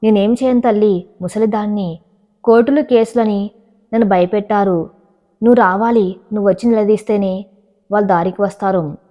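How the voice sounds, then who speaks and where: A woman's voice: medium pitch, moderate pace, mellow, lightly acted. A woman voicing a scheming, self-pitying old mother-in-law in an audio story, whining to her daughter. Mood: pleading. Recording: dull lo-fi recording.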